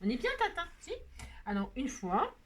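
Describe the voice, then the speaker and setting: A woman's voice: sits high, big pitch swings, normal speed. A woman hosting a casual crafting tutorial at her home craft table. She chats away and answers her own remarks, adds playful sound effects, and grumbles over slips before laughing them off. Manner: gets annoyed by mistakes, then laughs it off. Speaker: crafting video host. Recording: noisy home recording.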